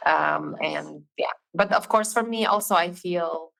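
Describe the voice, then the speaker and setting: A woman's voice: lowish voice, a little slow, creaky, a bit bright, low-quality recording. A woman from Albania, a podcast guest, speaking directly and emphatically over a video call in a casual interview. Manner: direct, emphatic about her views.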